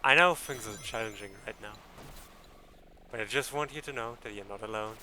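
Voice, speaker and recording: A man's voice: lowish voice, fairly quick, sharp tone, a little hiss or hum. A man streaming a game and chatting offhand to his viewers over a livestream headset, in a wry, casual way. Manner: offhand, wry, talks to chat while playing. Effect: livestream headset audio.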